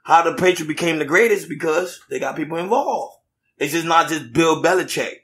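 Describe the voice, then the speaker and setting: A man's voice: on the high side, fairly quick, a bit bright. A man co-hosting a casual podcast chat, agreeing often and giving motivational advice. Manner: affirming, says "facts" often, motivational. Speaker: podcast co-host. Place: podcast studio in Florida.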